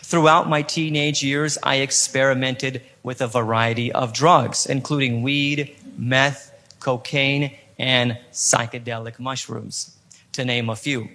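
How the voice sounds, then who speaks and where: A man's voice: mid-range voice, fairly even intonation, slow, sharp tone. A man in his thirties from Poland with an American accent, earnestly telling his personal testimony with dry asides. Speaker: podcast host giving testimony. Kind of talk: read-aloud personal testimony.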